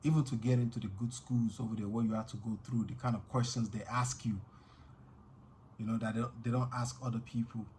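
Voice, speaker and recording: A man's voice: mid-range voice, steady tone, fairly quick, darkish tone, slight background noise. A middle-aged Nigerian man with a Nigerian accent, telling a personal story to camera in an earnest way, with frequent "you know" fillers. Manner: earnest, frequent "you know" fillers, grows intense when reliving danger. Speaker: vlogger.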